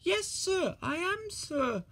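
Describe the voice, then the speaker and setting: A reader voicing a cheeky, excitable little tank engine in a storybook, speaking high and chanting. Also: takes it slowly, exaggerated voice. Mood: nervous. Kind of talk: storybook reading.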